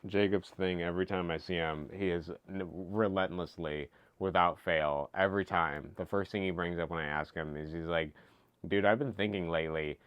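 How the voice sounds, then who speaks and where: A young man with a very low voice talks into a dry, close streaming mic. He rambles through casual stories, laughs easily and swears freely. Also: steady tone, normal speed, hardly any pauses, smooth, dry recording, lo-fi sound. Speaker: streamer host. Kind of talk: casual chat.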